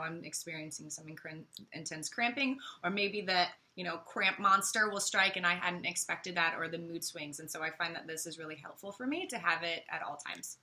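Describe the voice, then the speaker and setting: Cheerful American woman, casual product chat, very bright tone. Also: on the low side. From United States. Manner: bubbly and playful, laughs often. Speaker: co-host.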